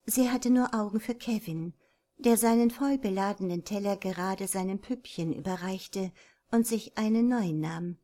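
A woman reading a romance novel aloud in a measured, even storytelling voice. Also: mid-range voice. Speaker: narrator. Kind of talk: scripted audiobook narration.

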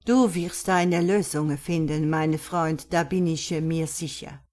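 A woman reading an audiobook voices a sly male accomplice who speaks with a clear foreign accent. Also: low-pitched, steady tone, measured pace, darkish tone.

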